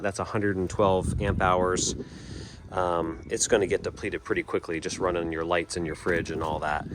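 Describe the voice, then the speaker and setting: A man casually walking through an installation job he did, talking in a relaxed way with frequent fillers. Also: lowish voice, slight background noise.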